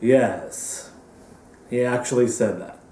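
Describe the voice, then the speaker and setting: A man hosting a virtual awards ceremony from home, delivering a dry, deadpan comedic monologue. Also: medium pitch, slow, reverberant, recorded from a distance. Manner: dry, deadpan topical jokes. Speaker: festival director hosting an awards show.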